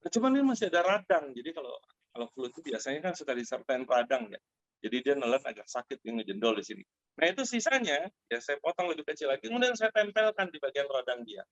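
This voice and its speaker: A middle-aged man hosting a Zoom meeting, telling a lively personal product story to friends in a casual way with many fillers. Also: medium pitch, fast talker, no room sound. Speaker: Zoom meeting host giving a product testimonial. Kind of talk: casual spoken testimonial to an online group. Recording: dry, dull lo-fi video call audio.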